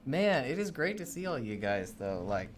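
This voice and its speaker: A man's voice: medium pitch, big pitch swings, normal speed, a little hiss or hum. A man co-hosting a gaming livestream, chatting casually and greeting viewers by name, often tripping over how to say them. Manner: upbeat, greets chat by name, stumbles on names. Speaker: streamer co-host.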